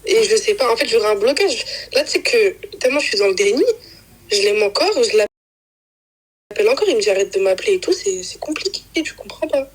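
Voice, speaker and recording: A woman's voice: medium pitch, animated, fairly quick, slightly rough, rough recording. A young woman casually telling a personal story, rambling with fillers and acting out quoted lines. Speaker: guest telling her story.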